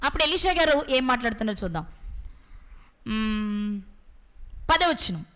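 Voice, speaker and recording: A woman preacher giving a sermon, posing questions to her listeners and answering them, and reading scripture slowly. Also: fairly high pitch, big pitch swings, fairly bright tone, smooth, low-quality recording.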